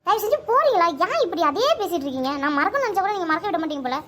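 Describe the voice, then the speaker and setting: A stubborn village mother in a cartoon, her voice squeaky and extremely high, as a woman voices her. She scolds in a fast, bitter torrent and will not be talked round. A faint hum of background noise sits behind her. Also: big pitch swings, a bit bright, heavily acted. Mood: defiant, angry. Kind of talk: animated family comedy-drama.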